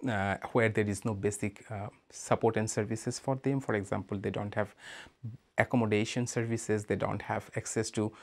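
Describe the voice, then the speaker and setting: With a steady, low-leaning voice marked by vocal fry, a Bangladeshi-accented man from Bangladesh delivers an interview statement about migrant rights, which he advocates for. He speaks in a measured, hesitant way, leaning on plenty of "uh" fillers.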